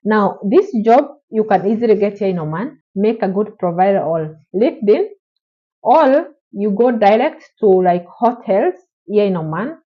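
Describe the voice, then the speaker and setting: A woman's animated, medium-pitched voice moves at a moderate pace in this slightly muffled clip. Answering viewer questions in a casual advice vlog from Oman, she stays encouraging and repetitive and speaks directly to her audience.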